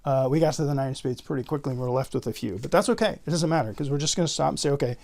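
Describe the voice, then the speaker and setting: A man with a slightly high voice gives a card magic tutorial. He uses easy, conversational magician patter, explaining each step and counting aloud as he goes. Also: very fast, vocal fry, darkish tone.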